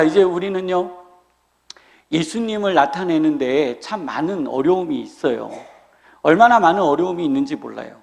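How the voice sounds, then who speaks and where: A man preaching a sermon as a pastor, lively and humorous, acting out the people he quotes. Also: fairly high pitch, creaky. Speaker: senior pastor. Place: church sanctuary. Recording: reverberant church hall.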